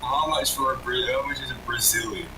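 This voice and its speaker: A man's voice: medium pitch, fairly quick, distant mic, noisy background. A man chatting casually on voice chat during a gaming session, joking and laughing. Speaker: friend on voice chat.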